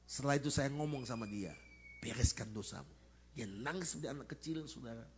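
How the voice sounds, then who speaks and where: A man, a pastor, preaching a sermon at a church service and telling stories to the congregation in an animated way, with sudden loud rises at the high points. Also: quick pace, slight background noise. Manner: animated storytelling, addressing the congregation.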